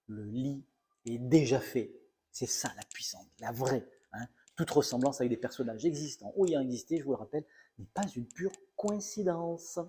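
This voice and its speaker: A man's voice: medium pitch, darkish tone, husky. A middle-aged male comedian telling a self-mocking story in a mock-serious, playfully exaggerated comic monologue.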